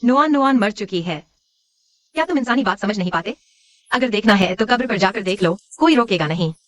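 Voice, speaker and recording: A woman's voice: mid-range voice, animated, a little fast, fairly bright tone, lightly acted. A woman voicing a bitter betrayed mother who answers her husband coldly in a dubbed drama. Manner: cold, cutting. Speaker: dubbed actress. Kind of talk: Hindi drama dubbing.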